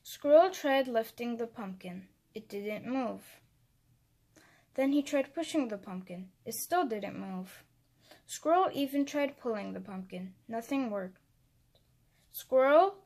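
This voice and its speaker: A woman narrating a children's picture book aloud, clear and expressive. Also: fairly high pitch, takes it slowly.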